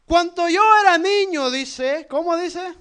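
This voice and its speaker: Very high-voiced Salvadoran man preaching. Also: measured pace. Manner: fires rhetorical questions at the congregation; lively, shifts between loud and soft. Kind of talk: sermon.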